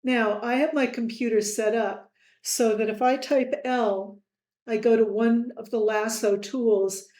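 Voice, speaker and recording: A woman tutoring software in a screen-recorded lesson, friendly, with quiz-style asides to the viewer. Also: a little high, steady tone, measured pace, echoey room.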